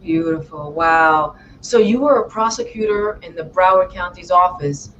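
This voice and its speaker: A woman's voice: lowish voice, moderate pace, fairly bright tone, dull audio, slight background noise. A woman hosting a talk show interview, effusive and full of praise, often addressing her audience as friends. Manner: effusive, repeats "my friends" and "wow".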